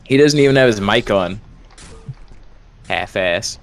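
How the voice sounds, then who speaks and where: A man's voice: fairly low pitch, expressive, unhurried, vocal fry. A man chatting casually with friends over voice chat during a game, often trailing off and restarting. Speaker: gamer on voice chat.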